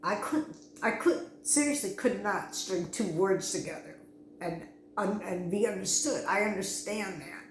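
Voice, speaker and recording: A woman's voice: medium pitch, unhurried, a little hiss or hum. A middle-aged woman vlogging casually, anxious and rambling, restarting her sentences often. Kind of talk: casual personal vlog. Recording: echoey room with faint ambience.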